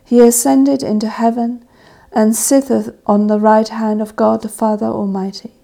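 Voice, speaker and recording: A woman leading a church service, reading scripture and prayers in a measured, solemn intoning manner. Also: fairly high pitch, level tone, vocal fry, mellow. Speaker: service officiant. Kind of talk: liturgical reading of evening prayer.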